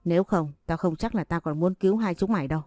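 A woman's voice: fairly low pitch, quick pace, warm tone, no room sound, faint music behind, close to an everyday voice. Woman reading as a snarling angry young man. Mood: furious. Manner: snarling, coarse.

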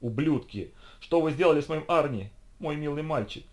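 A man voicing an emotional young woman secretary, shrill and distraught. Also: expressive, moderate pace, darkish tone. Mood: outraged.

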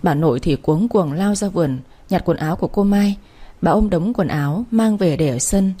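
A woman narrating a story aloud in a steady storytelling manner. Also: on the low side, moderate pace, slightly rough.

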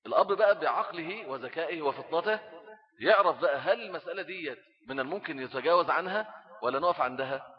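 A middle-aged man with an Egyptian Arabic accent giving a religious talk on raising children, animated and acting out little scenes as he speaks. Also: on the high side. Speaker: Islamic preacher. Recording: dull lo-fi recording.

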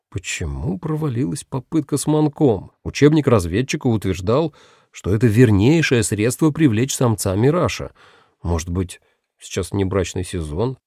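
A male narrator reads a science-fiction story with lively, animated intonation. His voice is gravelly and mellow, recorded dry and close. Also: on the low side, dry recording. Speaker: audiobook narrator. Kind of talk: scripted narration.

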